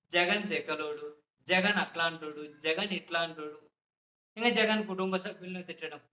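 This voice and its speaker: A man's voice: sits high, sharp tone, reverberant. A man giving impassioned political commentary, indignant and full of repeated rhetorical questions.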